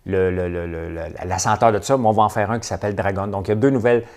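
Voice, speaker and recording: A man's voice: on the low side, fairly even intonation, fast, a little mellow. A man with a Québécois accent hosting a casual livestream chat, rambling and stop-start with lots of hesitations. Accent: Québécois French. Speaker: livestream host.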